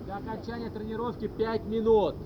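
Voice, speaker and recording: Like a gym bro, a man coaches a group workout with loud, commanding cues and counts that are short and repeated. His high voice is flat and a little fast. The recording is muffled and noisy, made outdoors with traffic.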